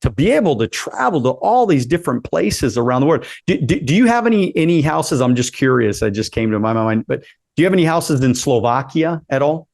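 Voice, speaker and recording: A man's voice: mid-range voice, very animated, fairly quick, gravelly, darkish tone, no room sound. A man in his late forties hosting a casual interview, upbeat and encouraging, often repeating himself as he talks. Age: 40s. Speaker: podcast host.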